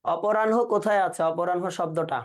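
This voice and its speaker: A man's voice: sits high, fairly even intonation, fairly quick. A man teaching an exam-prep class, quizzing students and repeating their answers back in a casual way.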